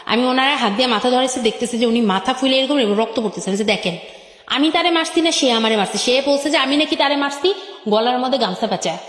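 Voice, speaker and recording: On a radio show, a young woman with a Bangladeshi Bengali accent tells her life story emphatically, repeating phrases, her voice put through a voice changer. It sits high and moves quickly with a fairly bright tone, and the recording is echoey with long reverb.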